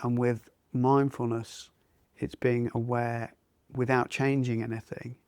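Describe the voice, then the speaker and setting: A man's voice: mid-range voice, level tone, measured pace, a little mellow, smooth, no room sound. Thoughtful mindfulness teacher, man. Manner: thoughtful, searching for words. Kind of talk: conversational discussion.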